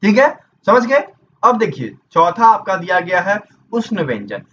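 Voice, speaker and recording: A man's voice: high-pitched, sing-song, moderate pace, fairly bright tone. A man teaching a grammar lesson for exam preparation. He explains step by step and asks questions that he then answers himself. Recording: dull distant mic with faint noise.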